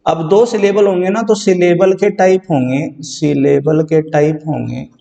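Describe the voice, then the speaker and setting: Gravelly man teaching in an echoey room. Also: fairly high pitch, fairly even intonation, a little slow, dark tone, highs cut off. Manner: explains step by step, repeats key words, frequent "theek hai". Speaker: English teacher. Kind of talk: exam-prep lecture. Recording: distant mic in a reverberant room.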